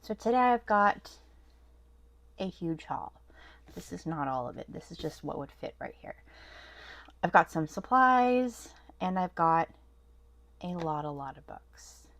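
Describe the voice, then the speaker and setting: This haul vlog host, chatting casually at her home desk, has a fairly low, fairly bright voice with lively intonation, sounding stuffy and nasal from a cold. She speaks at a measured pace with long pauses, rambling with frequent ums and restarts.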